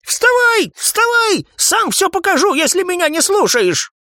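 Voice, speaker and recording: A man's voice: sing-song, measured pace, bright, forceful tone, dry recording, clean studio sound, full character voice. A man voicing a frantic old male bathhouse spirit in an audiobook. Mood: insistent. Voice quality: shrill old man's voice. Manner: frantic, pleading.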